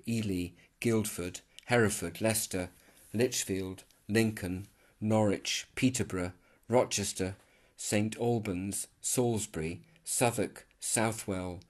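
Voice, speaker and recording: A man reading out a formal letter as scripted narration, measured and even. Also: on the low side.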